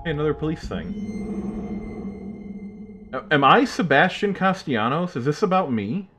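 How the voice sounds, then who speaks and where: A man's voice: a little high, very animated, moderate pace, over music. A man streaming a horror game live, muttering to himself, joking and swearing freely as he plays. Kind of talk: casual live-stream gaming commentary.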